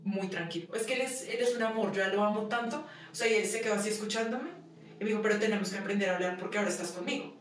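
A woman's voice: medium pitch, racing. A young woman telling personal stories in a casual interview, acting out dialogue and laughing often. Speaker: guest. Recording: echoey room from far off, some noise.

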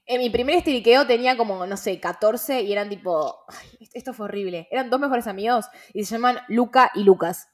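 A woman's voice: a little high, brisk. A young woman with a Rioplatense Spanish accent, hosting a casual podcast chat, slangy and full of fillers and laughing asides. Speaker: podcast host.

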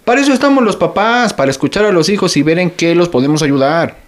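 This is sketch acting: a man with a Mexican Spanish accent voices a hungry, teasing father joking while he comforts his daughter. He talks fast in a slightly high, animated voice that is lightly acted, leaning into playful, exaggerated whining.

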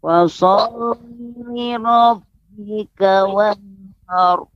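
A man from South Sumatra calling in on a crackly phone line that keeps cutting out, reciting scripture slowly and carefully for a teacher. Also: high-pitched, fairly even intonation, no echo. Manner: slow, careful, drawn-out recitation. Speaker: caller. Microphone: phone call. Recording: muffled, dry phone-line audio.

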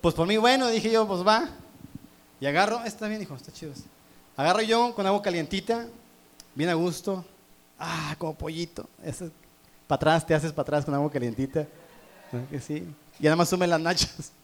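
A Mexican man preaching in a lively storytelling style, joking with and quizzing his congregation. His voice sits a little above the usual male range. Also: a little high, normal speed. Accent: Mexican Spanish. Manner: animated, humorous, teasing the congregation. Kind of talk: sermon with personal storytelling.

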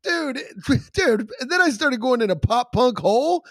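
A man co-hosting a podcast in casual banter, swearing and joking through lively rants. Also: very high-pitched, a little slow, no room sound, clean studio sound. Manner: swearing, animated, jokey rants. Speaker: podcast co-host.

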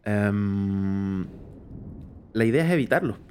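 A Chilean man chatting casually on a podcast about horror role-playing, pausing often with fillers and restarts. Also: on the low side, lively intonation, a little mellow, slight background noise. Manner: hesitant, many fillers and restarts. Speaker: podcast host discussing tabletop horror games.

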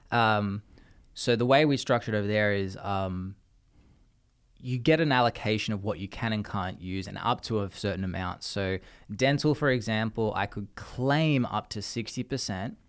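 A man with an Australian accent talks in a low, easygoing voice. He rambles through his points, restarting sentences as he goes. He tells stories casually, like a guest on a chat show. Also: smooth. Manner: rambling, restarts, lively storytelling. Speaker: podcast guest.

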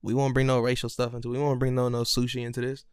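A man's voice: medium pitch, completely flat delivery, fast, a little mellow, smooth, no echo, clean studio sound. A young man co-hosting a podcast, laid-back and slangy, swearing freely in casual chat. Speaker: podcast co-host.

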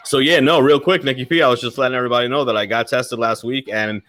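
A man's voice: medium pitch, fairly even intonation, quick pace, fairly bright tone, faint music behind. A man hosting a live podcast, hyping it up, swearing and repeating his phrases, while a chest cold keeps him coughing. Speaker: podcast host. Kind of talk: casual live podcast chat.

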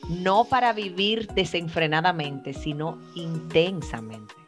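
A woman co-hosting a casual chat, speaking in a reflective, emphatic way with drawn-out phrases. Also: lowish voice, over music. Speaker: podcast co-host. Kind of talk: casual chat among friends.

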